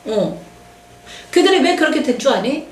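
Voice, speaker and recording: A woman's voice: high-pitched, very animated, normal speed, far from the mic, slight background noise. A middle-aged woman pastor giving an emotional, confiding testimony sermon and acting out what others said. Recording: echoey room, voice from off-mic.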